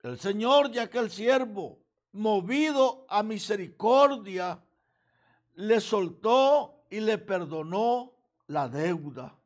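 A man preaching a sermon, retelling a parable slowly and earnestly. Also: high-pitched, expressive.

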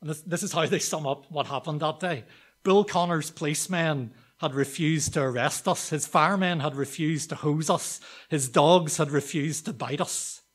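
A man's voice: on the high side, slightly rough. Earnest male pastor telling a story. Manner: storytelling, slows down for emphasis; earnest, addresses the congregation directly. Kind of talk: sermon.

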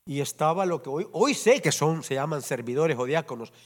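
High-pitched, lively preaching man. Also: normal speed. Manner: animated preaching, constantly asks the congregation "¿verdad?". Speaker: pastor. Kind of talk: sermon. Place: church service before a congregation.

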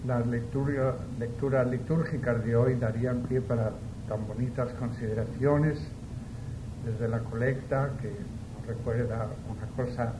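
A man, a priest, proclaiming the reading and preaching a homily in an unhurried, conversational way, his voice echoing like in a cathedral. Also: medium pitch. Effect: cathedral-like echo. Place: large church. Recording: echoey church with background noise.

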